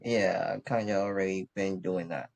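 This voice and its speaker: A low-pitched, gravelly, darkish voice with a steady tone and moderate pace comes from a twenty-year-old rapper out of Bridgeport, Connecticut. As a guest in a casual interview chat, he's laid-back and slangy and laughs often.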